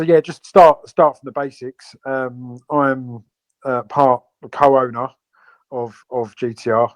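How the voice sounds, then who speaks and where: Speaking in a mid-range voice, a British man explains his co-owned crypto project at length during an online Q&A, stumbling through many fillers and restarts. There's no echo, though the audio quality is poor.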